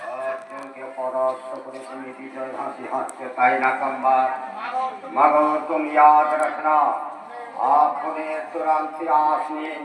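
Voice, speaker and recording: A man's voice: medium pitch, completely flat delivery, slow, fairly bright tone. A man playing a vengeful, defiant warrior in declamatory folk theatre style. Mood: defiant, taunting. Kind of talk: Bengali jatra folk theatre stage acting. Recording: very echoey stage, distant mic, faint music.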